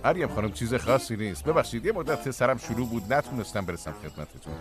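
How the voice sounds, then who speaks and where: A man's voice: mid-range voice, animated, natural voice. An actor dubbing a hesitant middle-aged fisherman father in a TV drama. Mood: flustered. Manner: hesitant, lots of fumbling. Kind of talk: dubbed TV drama. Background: music.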